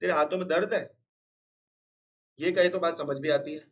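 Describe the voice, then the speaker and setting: A man's voice: on the high side, steady tone, normal speed. A man teaching a live accounts class online, repeatedly calling on students to listen, teasing and scolding them as he goes. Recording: slightly dull lo-fi sound.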